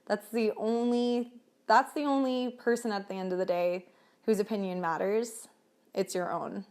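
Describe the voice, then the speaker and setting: A woman's voice: medium pitch, moderate pace. A woman talking earnestly and casually to camera in a motivational vlog, with fillers like "um" and "like.". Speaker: vlogger.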